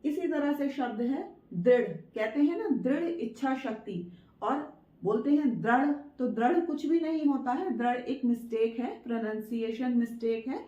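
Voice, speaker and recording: High-voiced woman teaching, slow and patient. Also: mellow, roomy sound, lo-fi sound. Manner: patient, repetitive, drawing out words syllable by syllable. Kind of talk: Hindi dictation lesson.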